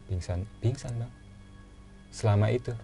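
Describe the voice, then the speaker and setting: A man with a casual way of talking, telling his own story as a guest in a relaxed chat and repeating phrases for emphasis. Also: fairly low pitch, moderate pace, gravelly, soft background music.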